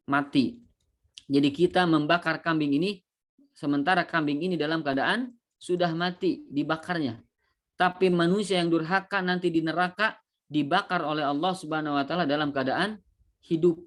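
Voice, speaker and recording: A male preacher voicing a pious man who quietly answers his questioner. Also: fairly high pitch, fairly even intonation, normal speed, lightly acted. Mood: solemn. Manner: quiet, plain refusals. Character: calm, grieving pious man.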